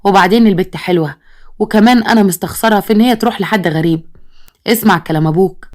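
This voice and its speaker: A commanding Egyptian village father who scolds his family and dotes on one daughter-in-law, as a woman storyteller reads his part. He speaks very fast, at a middle pitch. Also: a little mellow, lightly acted. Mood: stern. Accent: Egyptian Arabic.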